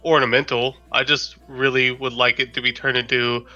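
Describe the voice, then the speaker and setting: Very bright-voiced man playing a tabletop game. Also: medium pitch, little pitch movement, normal speed, dull audio, faint music behind. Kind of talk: casual in-character role-play.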